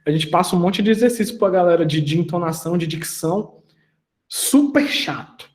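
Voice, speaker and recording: Brief: male mentor, higher-pitched voice, lively and slangy, quizzes his listeners. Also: fast talker, reverberant. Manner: animated, slangy, asks the audience questions. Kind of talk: casual mentoring talk.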